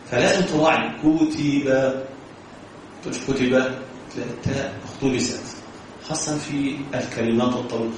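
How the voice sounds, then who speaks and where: An Egyptian-accented man teaches recitation rules, asking rhetorical questions and drawing out verses in a slow chant to make his point. His voice sits at an ordinary middle pitch. It rings through a very echoey room, picked up from some distance with faint noise behind. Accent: Egyptian Arabic. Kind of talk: tajweed lesson.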